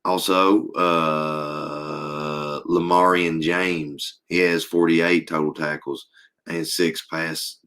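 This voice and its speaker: Hoarse guy, real low voice, losing his voice, stumbling through football stats. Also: flat delivery, a bit bright. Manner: halting, reads stats with many fillers. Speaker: podcast co-host. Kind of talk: casual sports talk.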